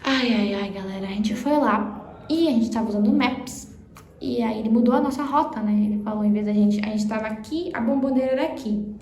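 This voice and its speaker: A woman's voice: on the high side, a little fast, a little mellow. A young woman giving a chatty, casual language lesson, laughing and exaggerating pronunciation drills. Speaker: Spanish teacher. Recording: roomy echo, faint ambience.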